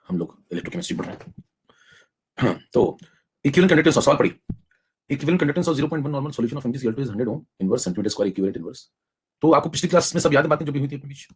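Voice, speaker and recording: A young adult man teaching chemistry in a live online class, coaxing students along and saving his voice by speaking softly. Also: mid-range voice, slightly rough. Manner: rapid, coaxing, mixes in English technical terms.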